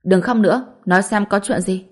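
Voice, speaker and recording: A woman's voice: mid-range voice, steady tone, quick pace, lightly acted. Learned man, read by a woman, anxious, urgent questions, storybook. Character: capable man, a respected scholar, anxious.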